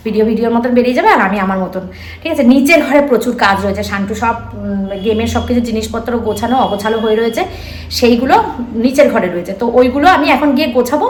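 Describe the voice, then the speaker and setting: A middle-aged woman from West Bengal with a Kolkata Bengali accent, chatting casually to her viewers in a home vlog from her kitchen, repeating herself often. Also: on the high side. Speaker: vlogger.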